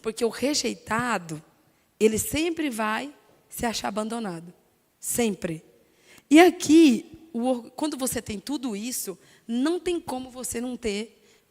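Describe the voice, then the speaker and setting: A woman with a Brazilian Portuguese accent giving an animated, emphatic talk on stage, sharing her own story. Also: a little high, slow, long pauses. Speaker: speaker sharing testimony. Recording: long hall reverb.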